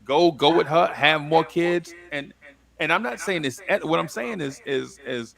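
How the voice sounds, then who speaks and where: A man's voice: a little high, moderate pace, creaky. A man chatting as a podcast guest. He tells stories in a loose, slangy way, with frequent restarts. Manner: animated, stumbling restarts, slangy. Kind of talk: casual storytelling.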